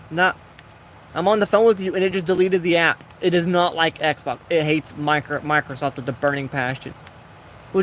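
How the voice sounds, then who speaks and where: A man's voice: fairly high pitch, a bit bright, slight background noise. A young man giving casual, rambling commentary while playing a building game, often talking to himself. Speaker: gaming vlogger.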